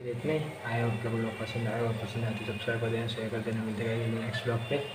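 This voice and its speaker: A young man vlogs casually into a phone held at arm's length, his mid-range voice completely flat and a little quick. He wanders through rooms at home, out to the rooftop and yard, and the handheld recording is noisy with ambient sound.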